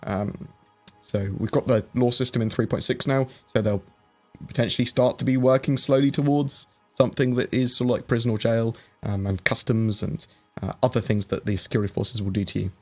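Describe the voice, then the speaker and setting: A man with a medium-pitched voice and fairly even intonation speaks a little fast over soft background music. Hosting a relaxed livestream Q&A, he chattily reads questions from chat and answers them with plenty of fillers.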